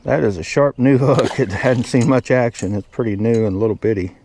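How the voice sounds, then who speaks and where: This angler runs a fishing vlog and chats casually from his boat in homespun, colloquial fashion. His voice sits in the mid-range, a touch mellow, and he speaks fairly quickly over noisy outdoor sound.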